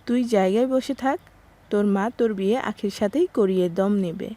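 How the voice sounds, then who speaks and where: A woman's voice: mid-range voice, normal speed, lightly acted. A woman playing a middle-aged mother who scolds and teases her son in a Bengali audio drama. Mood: teasing. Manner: scolding, mocking, lively.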